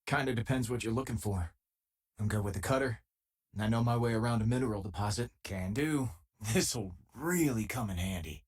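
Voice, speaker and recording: This fairly low, fairly quick male voice belongs to an actor portraying an easygoing, loyal, wry space miner companion in a video game. His delivery is husky and conversational.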